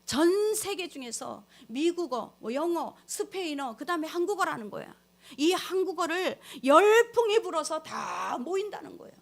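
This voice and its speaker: A woman pastor with a high voice preaches a sermon to her congregation. She is emphatic and alternates between forceful exhortation and soft, hushed storytelling. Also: very animated, moderate pace. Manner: addresses the congregation directly.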